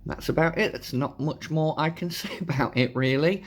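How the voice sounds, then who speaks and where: A man hosting a casual, chatty toy review, his voice hoarse from a sore throat. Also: on the high side, moderate pace. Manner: informal, chatty. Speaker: host of a toy review channel.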